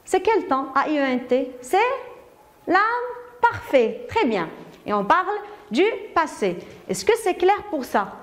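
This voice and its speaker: A woman with a Moroccan accent leads a grammar class for young pupils. Her voice sits high and swings widely in pitch. She speaks slowly, asks question after question and praises correct answers. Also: sing-song. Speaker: primary school teacher. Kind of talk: grammar lesson.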